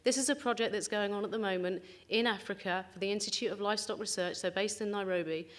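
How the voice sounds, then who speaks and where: A woman's voice: mid-range voice, fast talker. Middle-aged woman presenting science informally. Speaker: scientist giving a conference talk. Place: indoor conference venue.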